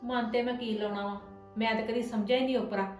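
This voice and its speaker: A woman's voice: on the high side, fairly even intonation, a little mellow, echoey room, soft background music, natural voice. A woman playing a hurt young wife. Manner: pleading and defensive, quick talk. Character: hurt young wife, earnest and tired of blame. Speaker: daughter-in-law in a family drama. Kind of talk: scripted domestic drama acting.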